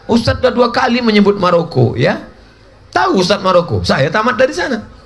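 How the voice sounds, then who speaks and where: A man's voice: high-pitched, big pitch swings, a little fast, vocal fry. A man in his forties giving a humorous sermon as a preacher, joking and acting out little dialogues. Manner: jokey, acts out dialogues with shifting voices.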